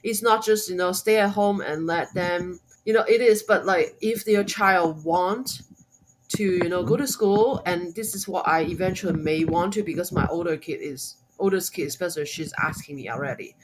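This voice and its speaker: This podcast guest, a homeschooling mom and blogger from Hong Kong, has a lowish voice and talks at a moderate pace over background noise. She grew up speaking Cantonese and uses English as a second language with a Hong Kong accent, often restarting and filling pauses.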